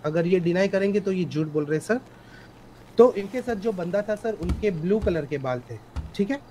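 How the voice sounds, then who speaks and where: A man's voice: sits high, lively intonation, normal speed, dark tone, slight background noise, rough recording. A man playing a police officer in a role-play court hearing, testifying politely but insistently and mixing English phrases into his Hindi, over a headset.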